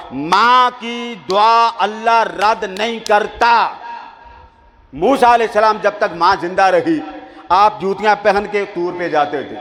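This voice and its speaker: A man delivers a sermon, telling the story straight to a seated crowd. His voice sits high. A long reverb trails after his words in a big hall. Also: a bit bright. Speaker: preacher. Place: large hall with a seated audience.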